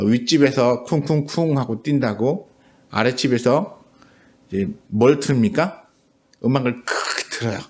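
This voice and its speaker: A middle-aged man preaching a sermon as a pastor, in an easy conversational way with many pauses and filler sounds. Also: medium pitch, a little mellow.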